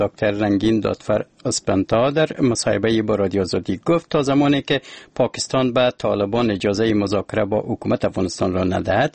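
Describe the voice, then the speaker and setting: A man reading the radio news in a steady, formal way. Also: lowish voice, vocal fry, no echo. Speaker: newsreader. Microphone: studio mic.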